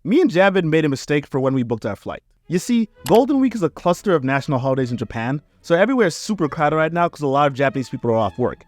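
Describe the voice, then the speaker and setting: A man narrating his own travel vlog in a relaxed storytelling voice-over. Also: a little high, fast talker, few pauses, dry recording. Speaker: travel vlogger.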